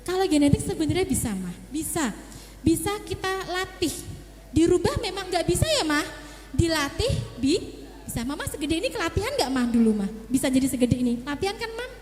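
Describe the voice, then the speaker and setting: A woman's voice: very high voice, big pitch swings, brisk, a little mellow. A middle-aged woman, a child psychologist, talking to parents in a seminar, coaching them and acting out little scenes between mother and child. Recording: echoey hall reverb.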